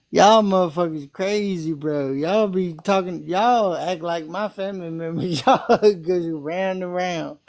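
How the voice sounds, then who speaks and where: A man's voice: sits high, slow pace, darkish tone. A man from South Memphis with a Southern accent, chatting casually on a call, laid-back, laughing often and cursing freely. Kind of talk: casual chat.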